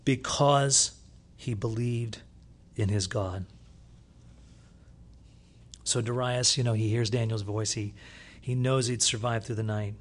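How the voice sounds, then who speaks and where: A man preaching a sermon, retelling a scripture story with lively storytelling and loud bursts when he reads from the text. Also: medium pitch, slow, pauses often. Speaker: pastor.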